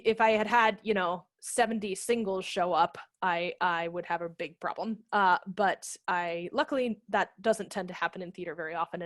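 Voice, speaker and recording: Speaking from a room in her home over a headset mic, this guest speaker on a video call is a theatre managing director in her thirties, explaining in an informal way. Her voice is lowish and a bit bright. The recording is clean studio sound without any echo.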